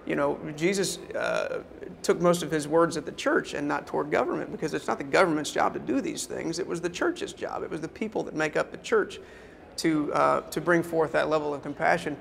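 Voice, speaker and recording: A man in an interview speaks earnestly about his work in the state senate, often stopping and restarting his sentences. His voice is gravelly and a little high, with faint noise behind it. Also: a bit bright. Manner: earnest, halting, with many restarts. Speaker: state senator and floor leader guest. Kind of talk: interview talk.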